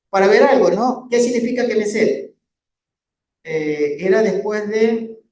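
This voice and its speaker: A man's voice: high-pitched, darkish tone, reverberant. A man teaching a Bible study lesson from slides. He explains step by step and keeps checking with his listeners.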